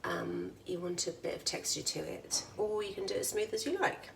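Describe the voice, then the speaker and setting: A woman's voice: lowish voice, fairly even intonation, fairly quick, vocal fry. Chatty woman cooking, distant mic. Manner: chatty, self-deprecating, talks to camera while cooking. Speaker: home cook vlogger. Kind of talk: casual cooking demonstration. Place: home kitchen. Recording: distant camera mic, loud kitchen noise. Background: frying, sizzling and stirring noises.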